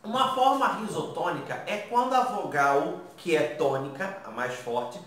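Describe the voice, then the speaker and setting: A man's voice: a little high, unhurried, fairly bright tone. A man teaching a grammar lesson, asking the class questions and answering them himself, with frequent check-ins. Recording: echoey room from far off, faint noise.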